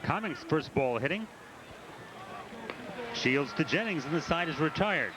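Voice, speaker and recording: A man's voice: on the high side, lively intonation, measured pace, background noise. A man giving baseball play-by-play commentary in the role of the game's announcer. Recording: ballpark crowd behind the voice. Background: stadium crowd.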